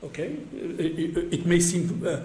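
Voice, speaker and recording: A man's voice: a little high, unhurried, warm tone. Older man lecturing in an echoey room. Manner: hesitant, many stacked fillers, wry chuckles. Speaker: conference speaker. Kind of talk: academic conference talk. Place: university seminar room. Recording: echoey room, faint background hum.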